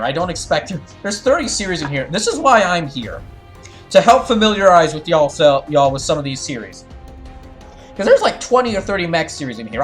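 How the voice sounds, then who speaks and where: A man with a somewhat high, slightly bright voice hosts a live fandub stream. He talks casually with his viewers and reads game dialogue, explaining things in a meandering way and restarting his sentences often.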